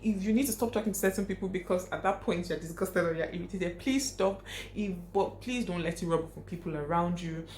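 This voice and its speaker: Speaking a little fast in a lowish, darkish voice, a young woman vlogger gives her viewers frank, emphatic advice to camera, repeating points to drive them home. The room is echoey and there's a faint hiss.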